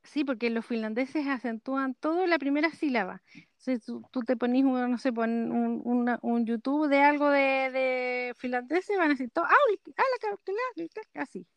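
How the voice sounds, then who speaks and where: A woman's voice: high-pitched, fairly even intonation, moderate pace, clear, resonant tone, no echo, highs cut off. A woman with a Chilean accent co-hosting a podcast from home over a call, telling rambling stories in casual chat. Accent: Chilean Spanish. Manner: rambling, chatty storyteller. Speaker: podcast co-host. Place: home, connected remotely. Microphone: computer mic on a call.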